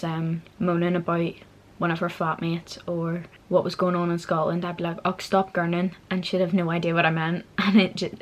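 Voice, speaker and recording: A young woman with a Northern Irish Belfast accent, chatting informally and a little giggly as she explains local words. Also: fairly low pitch. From Northern Ireland. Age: young adult. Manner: giggly, informal, self-deprecating. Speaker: vlogger. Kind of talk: casual chat explaining local slang.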